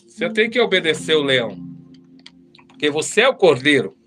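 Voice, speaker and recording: A man, a missionary telling his own testimony in a lively preaching way, often calling the listener brother. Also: on the high side, normal speed. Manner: animated, addresses listeners as brother.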